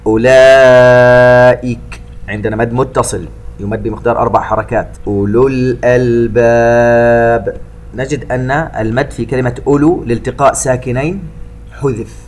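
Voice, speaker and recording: A man teaching tajweed, drawing out each recited phrase in a slow, melodic chant before dropping into quick, plain explanation. His pitch sits mid-range, and a faint hiss of noise runs under the recording. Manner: drawn-out melodic recitation of verses, then brisk rule-by-rule explanation.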